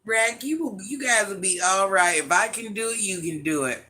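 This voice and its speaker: Lively in intonation and sharp in tone, this medium-pitched livestream host chats casually at a moderate pace while reading viewer comments. Calling herself Granny, she teases viewers directly by name and laughs often.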